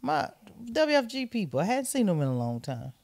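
Female podcast co-host, relaxed chat, gravelly tone. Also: medium pitch, a little fast. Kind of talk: casual podcast banter.

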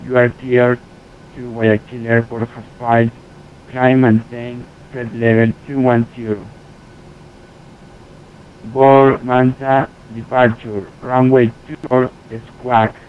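Male air traffic controller heard over headset radio, slow and measured, tinny line with faint hiss, reads numbers one by one. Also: mid-range voice, flat delivery. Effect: heard over a pilot's headset radio. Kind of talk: clipped radio phraseology.

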